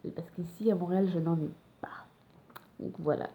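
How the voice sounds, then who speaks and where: Recorded with phone-quality sound, a young Frenchwoman speaks at a moderate pace in a lowish voice, her French accent clear. As a vlogger at home in Montreal, she chats to camera about personal matters, hesitant and prone to fillers and restarting sentences.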